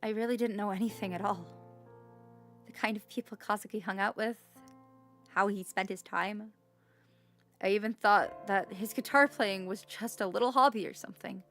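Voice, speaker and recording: A woman's voice: mid-range voice, normal speed, a bit bright, faint music behind. A woman streamer reading the text of a story game aloud, stumbling over unfamiliar words with light asides.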